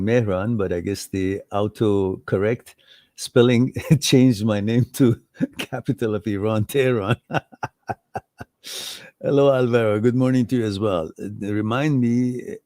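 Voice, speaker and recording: Hosting a live Q&A stream, a man with a lowish, warm voice reads viewer messages and explains his ideas unhurriedly. He's thoughtful, repeating and building on points step by step and chuckling at mix-ups. The studio sound is clean, with no room sound.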